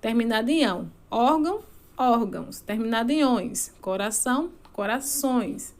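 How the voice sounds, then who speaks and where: A woman, teaching a recorded grammar lesson and stretching out each example word slowly. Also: on the high side, expressive. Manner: slow, deliberate, stretching out example words.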